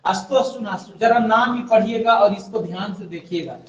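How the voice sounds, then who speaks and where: A male teacher of Hindi and Sanskrit grammar leads a classroom lesson, drilling rules by having his students repeat after him. His voice sits high and moves fairly quickly. The dull audio was captured from far off in an echoey classroom.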